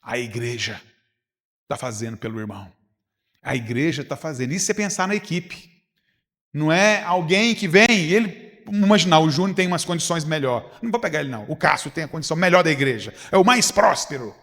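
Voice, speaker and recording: Man, preacher, Goiás Brazilian Portuguese accent, conversational sermon, rhetorical questions, slightly high voice, long hall reverb. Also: expressive, fairly quick, a bit bright. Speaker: pastor. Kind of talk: sermon at a leaders' retreat. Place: church hall.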